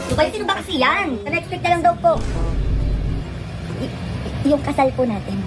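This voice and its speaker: A woman in comic family skits, talking in a quick, scolding, exasperated way. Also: very high-pitched, lively intonation. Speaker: comedy skit creator. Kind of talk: comic skits playing several family roles. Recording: skit clip with loud music behind.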